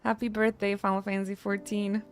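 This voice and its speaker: A woman's voice: mid-range voice, flat delivery, brisk, smooth, soft background music. A woman from Poland, chatting casually with her stream in a joking, self-mocking way. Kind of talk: casual chat with chat readers.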